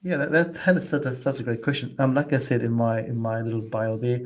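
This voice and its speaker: A man in his forties from Zimbabwe talks as a guest on a video call, at an ordinary middle pitch for a man. He is chatty and easygoing, restarting words and dropping in quick little laughs. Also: steady tone. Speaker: guest, student transition advisor. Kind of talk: casual interview talk.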